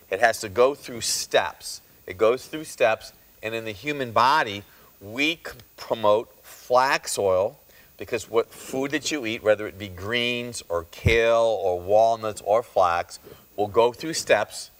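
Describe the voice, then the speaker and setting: A man hosting a health talk show as a chiropractor, speaking emphatically and slowing down to stress his points. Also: fairly low pitch, fairly bright tone.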